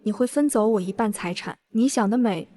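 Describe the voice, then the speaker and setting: A woman's voice: medium pitch, brisk, close to an everyday voice. A woman voicing a cruel young husband who hurls insults while starving. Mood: angry. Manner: insulting, yelling curses.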